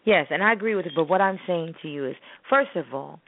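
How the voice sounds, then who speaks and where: A woman with a lowish voice talks fast and animatedly, with no echo, though the sound is muffled like a narrowband phone line. She co-hosts a spoken word business show and is a spoken word artist, and here she speaks emphatically and instructively in an opinionated talk show discussion, repeating phrases for stress.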